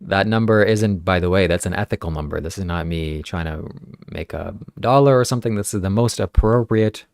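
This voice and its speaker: This podcast host, a man whose first language is Ukrainian, talks briskly with hardly any pauses in a low, slightly mellow voice. He earnestly reads viewer comments during a casual livestream chat, recorded at studio quality with no echo.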